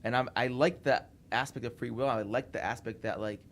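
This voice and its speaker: A man's voice: medium pitch, fairly even intonation, a little fast, a bit bright, a little hiss or hum. A man talking earnestly in a casual podcast chat, often throwing in rhetorical questions. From United States. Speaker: podcast guest.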